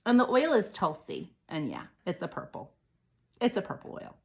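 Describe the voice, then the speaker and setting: A woman's voice: medium pitch, huge pitch swings, normal speed, gravelly. A woman giving a chatty spiritual card and essential oil reading in a casual vlog, gushing and laughing often. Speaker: spiritual reader and channeler.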